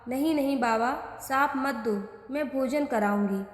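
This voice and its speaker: A woman reads the lines of an anxious old mother from a storybook, begging and fretful. The voice is high and slow. It rings in a reverberant room. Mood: pleading. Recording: echoey room with long reverb.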